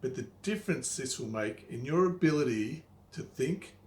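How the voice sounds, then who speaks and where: A man's voice: mid-range voice, animated, moderate pace, a little mellow. Older man as wise mentor, echoey room. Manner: wise old mentor, didactic, plain-spoken, emphatic repetition. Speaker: money coach, presenter. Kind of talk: motivational instructional monologue to the viewer. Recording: echoey room, faint background noise.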